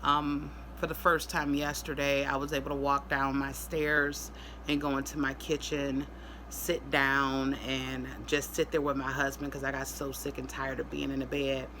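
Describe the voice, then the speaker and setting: A woman speaking casually in a vlog update, sounding weary and drained, in pain after surgery, with halting delivery. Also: extremely low pitch, little pitch movement, fairly bright tone, a little hiss or hum, rough recording. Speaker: vlogger.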